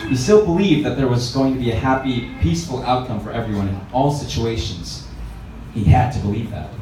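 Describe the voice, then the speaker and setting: A man with a mid-range voice reads a story aloud expressively at a slightly fast pace during a live reading event. The reverberant room and distant mic leave echo and faint noise.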